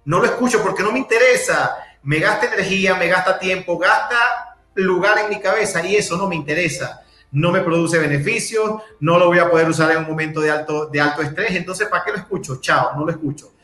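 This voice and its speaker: A man speaking as a guest, giving a direct, emphatic motivational talk with lively examples. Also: high-pitched, a little fast, echoey room.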